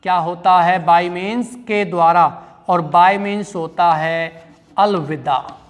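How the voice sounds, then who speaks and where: Slow high-voiced male teacher, echoey hall. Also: fairly even intonation. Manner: repeats words and asks the class questions; spells out words letter by letter. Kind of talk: classroom grammar lesson.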